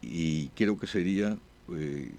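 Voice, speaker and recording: A man speaking as a diplomat guest in an interview, with halting answers full of "eh" pauses and restarts. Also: low voice, creaky, a little mellow. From born abroad.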